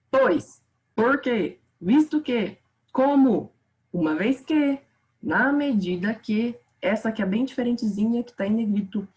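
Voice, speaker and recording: A woman's voice: a little high, poor audio. A woman with a Brazilian Portuguese accent teaching a casual online grammar lesson, chatting with her students.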